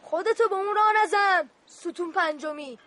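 A woman's voice: extremely high pitch, bright, forceful tone. A woman voicing a bossy young boy who stands guard in a war game, in a radio play, talking in a stern, officious way.

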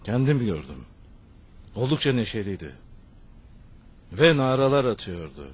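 An actor playing a grave eyewitness in a historical drama, bringing bad news to his companions in a measured, solemn way. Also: fairly low pitch, very animated, husky, full character voice. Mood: somber, insistent. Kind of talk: dubbed historical drama dialogue.

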